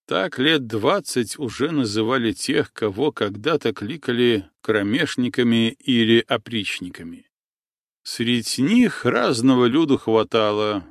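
Man, audiobook narrator, expressive, lively intonation, slow pace, dry close recording. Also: medium pitch, dry recording. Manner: expressive storytelling. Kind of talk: audiobook reading.

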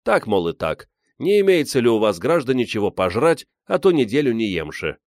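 A man's voice: medium pitch, big pitch swings, brisk, a little mellow, dry recording, clean studio sound, voice pushed up. A man playing a sly old polar explorer with a teasing manner who spins tall tales. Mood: joking.

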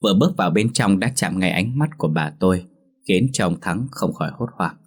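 Low husky male horror storyteller. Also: lively intonation, fairly quick. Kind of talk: scripted horror story narration.

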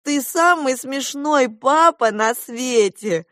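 Woman doing an eleven-year-old girl, pushy and earnest, high bright voice, dry. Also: animated, no echo, full character voice. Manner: insistent, presses questions slowly. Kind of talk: audiobook reading.

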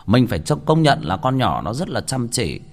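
A man's voice: mid-range voice, huge pitch swings, normal speed. A man telling a story in a casual, chatty first-person way, stumbling over and repeating words as he talks straight to his listeners. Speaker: storyteller host.

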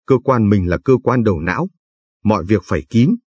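A man's voice: fairly low pitch, animated, fairly quick, darkish tone, husky, no room sound. A man doing a stern revolutionary leader. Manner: firm, admonishing.

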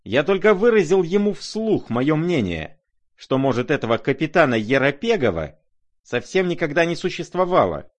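Male reader voices a sneering young man, sarcastic, pitched up, lively. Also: moderate pace. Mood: mocking. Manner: sarcastic, needling.

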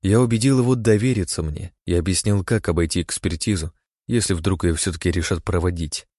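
A man narrating a first-person story in a steady, calm way, close to the mic. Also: sits low, fairly quick, no room sound. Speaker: audiobook narrator.

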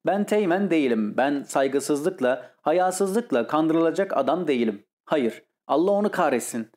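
A man's voice: fairly high pitch, expressive, normal speed, darkish tone, lightly acted. A man voicing a blustering, indignant older brother who scolds scornfully in an audiobook story. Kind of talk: audiobook character reading.

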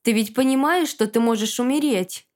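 A woman's voice: fairly high pitch, normal speed, a little mellow, lightly acted. A woman voicing a stern female necromancer healer who speaks harshly and firmly. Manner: harsh, firm.

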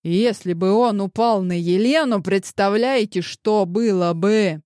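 A woman's voice: medium pitch, unhurried, darkish tone, no echo, studio quality, close to an everyday voice. A woman voicing a stern older father who speaks reproachfully.

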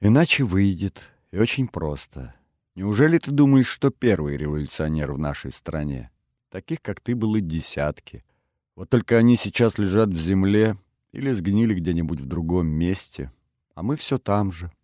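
A man voicing a hoarse, domineering spokesman of a secret government in an audiobook, speaking calmly and bluntly. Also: low voice, normal speed, no room sound, studio quality. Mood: threatening. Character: hoarse male spokesman of a shadow government, cold. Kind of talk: audiobook character reading.

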